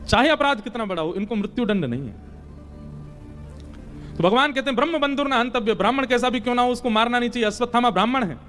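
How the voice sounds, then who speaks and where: Man, high voice, devotional sermon, acts out story dialogue, soft music behind. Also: expressive, fast, long pauses. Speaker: spiritual storyteller.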